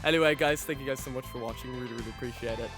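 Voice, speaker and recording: A man's voice: mid-range voice, racing, music in the background. A man hosting a podcast in casual chat, rambling along with lots of dude-and-man slang. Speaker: podcast host.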